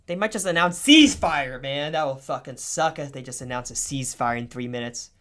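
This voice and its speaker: A young man talks through a casual livestream, cursing freely as he reacts. He drifts into low, half-muttered asides, then jumps into sudden excited outbursts. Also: brisk. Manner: profane, excitable, swings between mutters and outbursts.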